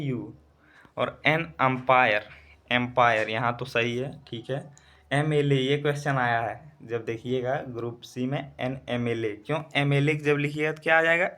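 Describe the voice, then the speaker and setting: A man teaches English grammar in to exam students, with a voice of medium pitch. He keeps asking the class questions and then answers them himself. He spells out letters and example words slowly. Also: a bit bright.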